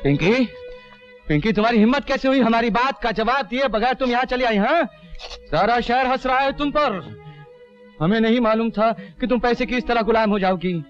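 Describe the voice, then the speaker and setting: A man's voice: sits high, very animated, normal speed. An actor playing a humble, uneducated rickshaw-puller who raised a girl as his own, in a 1980s film melodrama. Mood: scolding. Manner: pleading, emotional, rustic speech. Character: humble uneducated rickshaw-puller man, devoted foster father. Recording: dull, music behind.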